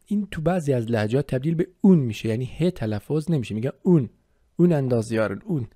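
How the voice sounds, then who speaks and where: A male language teacher leads a grammar review in a warm, mellow voice of middling pitch. He moves at a steady, methodical pace, listing each form one by one and repeating and spelling out word forms. The recording is close and dry, with no room sound or echo.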